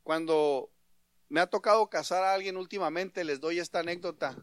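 Male preacher, high voice, dry close sound, animated storytelling sermon. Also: moderate pace, clear, resonant tone, no echo. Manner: animated, acts out dialogue in his stories. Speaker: pastor.

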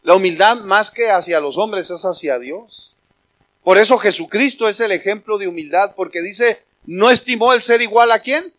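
A pastor preaching a sermon, emphatic and speaking directly to the congregation as brothers. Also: male voice, sits high, moderate pace, fairly bright tone.

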